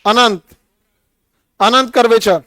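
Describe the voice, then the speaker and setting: A middle-aged man teaches a classroom physics lesson in a very high voice. He quizzes his students one by one and teases them. The sound is dry and close, with almost no room echo. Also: takes it slowly, bright, forceful tone. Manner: teasing, quizzes students by name.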